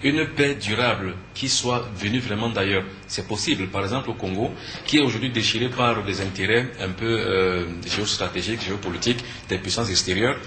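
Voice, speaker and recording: A Cameroonian man with a Cameroonian French accent, a spiritual teacher and conference speaker, gives an earnest explanatory talk as a TV interview guest. His lowish voice sounds pushed and bright, and he moves briskly, emphatic and prone to answering his own questions. There is echo in the room and faint noise behind him.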